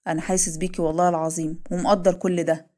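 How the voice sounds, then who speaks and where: A woman's voice: lowish voice, flat delivery, racing, darkish tone, natural voice. A woman with an Egyptian accent voicing an earnest young man who pleads his love. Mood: pleading.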